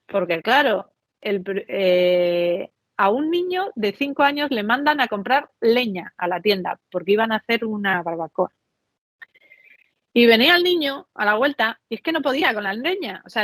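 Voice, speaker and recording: A woman from Mexico and Spain appears as a podcast guest in a conversational interview, telling stories in an animated, chatty way and frequently checking in with tag questions. Her voice is on the high side, with no echo.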